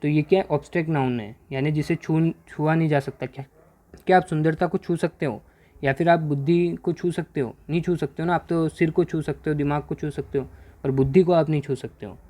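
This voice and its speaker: This male teacher's voice is on the high side, dark, and steady in tone. Working through a grammar worksheet in Hindi, he keeps asking questions only to answer them himself, and he reads out the English example sentences at a slow pace.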